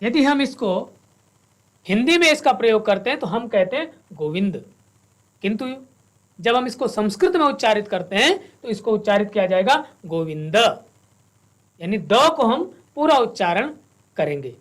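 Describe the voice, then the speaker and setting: A woman teaching a Sanskrit lesson, reciting verses slowly and spelling out each syllable. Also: a little high, expressive. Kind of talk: classroom lesson with slow recitation.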